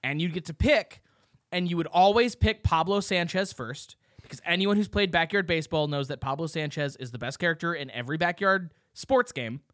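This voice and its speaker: A young man co-hosting a casual podcast chat, excited and rambling, swearing freely as he reminisces. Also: a little high, brisk, no room sound, studio quality. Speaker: podcast co-host.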